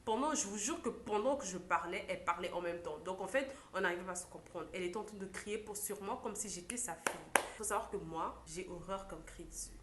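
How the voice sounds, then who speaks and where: A young woman, a makeup artist, telling a story in a lively vlog style and acting out what others said. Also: fairly low pitch, slight background noise. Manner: animated storytelling, acts out quotes. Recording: echoey room.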